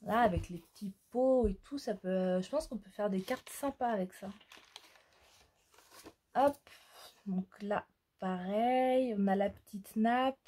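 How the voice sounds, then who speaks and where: Slow, hesitant woman showing crafts. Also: mid-range voice, dark tone. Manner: slow, hesitant, many fillers. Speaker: crafting vlogger. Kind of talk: casual haul show-and-tell.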